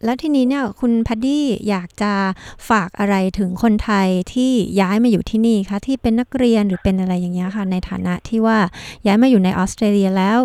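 A woman's voice: medium pitch, fast talker, few pauses, dark tone, no room sound. A woman hosting a conversational interview, asking long questions politely. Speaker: interviewer, host.

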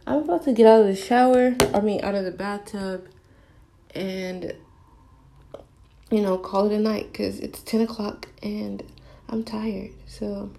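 A woman's voice: mid-range voice, steady tone, unhurried, vocal fry, pauses often, mellow, slight background noise. A young adult woman giving an earnest, rambling, casual confessional monologue, recorded in an echoey bathroom. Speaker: podcast host. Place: small bathroom, in the bathtub.

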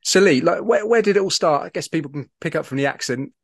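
A man's voice: a little high, expressive, fast, slightly rough, no room sound, studio quality. Podcast host, man chatting with guest. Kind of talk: conversational interview.

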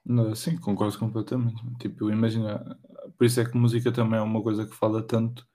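A man's voice: fairly low pitch, flat delivery, quick pace, warm tone. A young man chatting casually in slangy, somewhat hesitant phrases. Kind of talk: casual chat.

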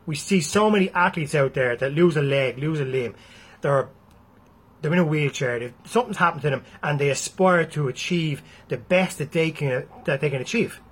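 A man's voice: fairly high pitch, moderate pace. A man with an Irish accent giving a blunt, freely swearing motivational talk to his viewers. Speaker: motivational speaker.

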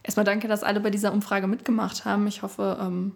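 A young adult woman chatting casually as a podcast co-host, colloquial and quick to joke and laugh. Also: mid-range voice, level tone, creaky.

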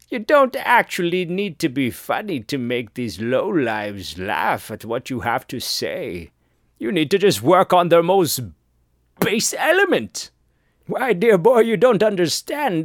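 A man's voice: a little high, sing-song, slow pace, a bit bright, no echo, studio quality, exaggerated voice. A man playing a pompous, snobbish upper-class male radio host who speaks in an affected posh drawl. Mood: haughty. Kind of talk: comedic character monologue.

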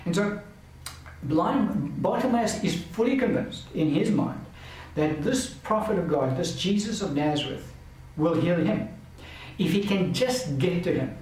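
A man delivers a Bible lesson in an earnest, emphatic voice that sits a little high for a man. He stands back from the microphone, so his voice rings through a very echoey space over a faint hiss. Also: animated, unhurried, darkish tone, far from the mic. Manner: earnest, emphatic, repeats key points. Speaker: Bible teacher. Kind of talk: teaching lecture.

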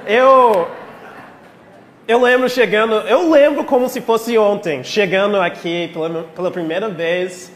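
A male guest preacher with a noticeably high voice and an American English accent in his Portuguese. He speaks to a congregation informally and with feeling. The sound rings with long reverb in a church hall, over faint noise. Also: moderate pace, few pauses. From Texas, United States. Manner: heartfelt, emotional, playful asides. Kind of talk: informal sermon to a congregation, with prayer.

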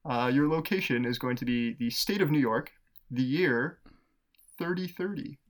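A man co-hosting a podcast, pitching movie ideas in casual chat, laughing often and rambling with fillers. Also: moderate pace. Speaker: podcast co-host.

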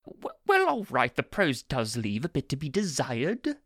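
A woman's voice: very deep voice, huge pitch swings, unhurried, no echo, clean studio sound, full character voice. A woman voicing a prim, bookish male angel who talks in a flustered, waspish way.

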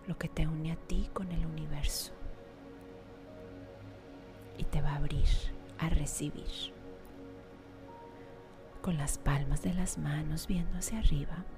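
A woman guiding a meditation in a soft, half-whispered, slow and soothing way. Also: low-pitched, creaky. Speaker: meditation guide. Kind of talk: guided meditation. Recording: music playing behind.

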